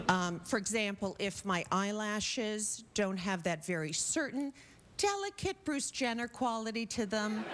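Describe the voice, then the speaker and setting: A woman doing a stand-up comedy set on a TV studio stage. She talks in a chatty way, with lots of "um"s and "okay?" tags. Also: mid-range voice. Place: TV studio stage before a live audience. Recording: loud noise over the voice.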